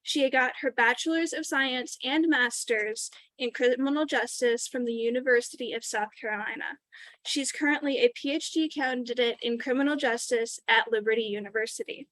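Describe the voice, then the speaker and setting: A woman's voice: a little high, moderate pace, a bit bright, no echo, low-quality recording. A woman giving club announcements and formally introducing a guest speaker.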